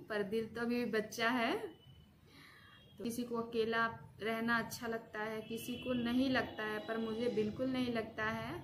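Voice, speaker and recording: A woman's voice: on the high side, a little hiss or hum. A woman in her thirties chatting to her viewers from home in a simple, hesitant way with a few restarts. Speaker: vlogger. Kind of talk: casual vlog talk to camera.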